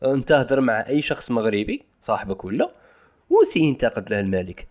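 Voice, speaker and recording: A man's voice: medium pitch, big pitch swings, fast, darkish tone. A man co-hosting a casual podcast, pressing his point insistently and mixing in French and English words. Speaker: podcast co-host.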